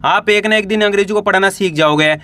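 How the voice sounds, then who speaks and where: A man's voice: high-pitched, a little fast, bright, forceful tone, no echo. A man teaching English reading, spelling each word letter by letter and then asking the listener to repeat it.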